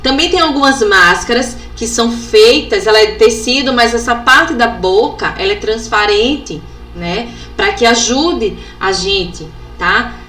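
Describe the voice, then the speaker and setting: A woman from Brazil, an educational psychologist giving a workshop, sounding out letters and syllables slowly and ending phrases with tag questions. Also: on the high side, expressive, pushed and bright. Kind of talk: instructional workshop talk. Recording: echoey room with faint background noise.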